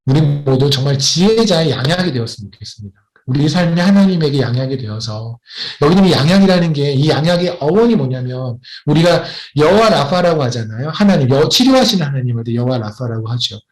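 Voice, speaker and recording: A male missionary delivers a sermon in a voice pitched a little high. His intonation rises and falls widely as he moves from a personal story to pointed questions. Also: expressive, brisk. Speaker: missionary preacher.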